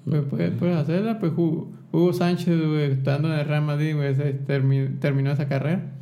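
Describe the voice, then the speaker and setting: A man's voice: a little high, little pitch movement, a little fast, warm tone. A man with a Mexican accent hosting a casual interview, asking questions in a friendly, slangy way. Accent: Mexican Spanish. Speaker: podcast host.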